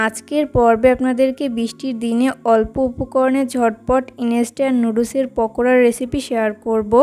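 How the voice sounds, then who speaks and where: A woman narrates a home recipe as a channel host in a steady, instructive voice-over. Her voice sits high and mellow, moving along briskly with little rise and fall. Faint music plays underneath. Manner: steady instructive step-by-step delivery.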